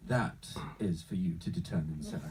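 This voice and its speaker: A man acting as an unflappable, courteous travel agent with a faintly sinister sales pitch, in a screenplay table read. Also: moderate pace, darkish tone, distant mic, a little hiss or hum, close to an everyday voice. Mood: patient, persuasive. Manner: formal, courteous, salesman-like, calls the customer sir.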